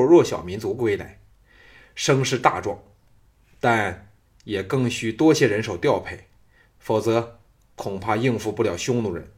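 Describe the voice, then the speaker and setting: A man's voice: fairly low pitch, lightly acted. A man voicing a cheerful older male clan patriarch in a read-aloud story, speaking in a hearty, authoritative way.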